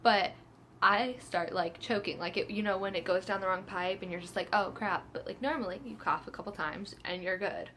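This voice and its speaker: A woman's voice: medium pitch, fairly quick, sharp tone, slight background noise. A young woman vlogger telling a storytime tale in a chatty, self-mocking way, laughing often and acting out what everyone said. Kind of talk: casual storytime.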